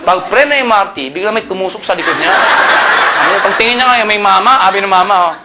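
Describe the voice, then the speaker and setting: Male seminar speaker, joking live pitch, high voice, cheering crowd behind. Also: a little fast. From Pangasinan, Philippines. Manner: joking, asks the crowd questions, shouts punchlines. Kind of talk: live sales pitch with jokes to an audience. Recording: live event with loud crowd and noise.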